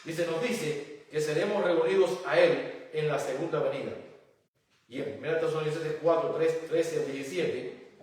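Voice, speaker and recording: A man's voice: a little high, normal speed, darkish tone. A male pastor preaching a sermon, reading scripture aloud and then explaining it with rhetorical questions. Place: church. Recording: very echoey church hall, voice from a distance.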